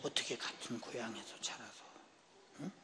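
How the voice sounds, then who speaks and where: A man preaching an emotional church sermon. He swings between hushed whispers and loud shouts and keeps tossing rhetorical asides to the congregation. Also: medium pitch, moderate pace, crowd noise. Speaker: pastor. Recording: long church hall reverb.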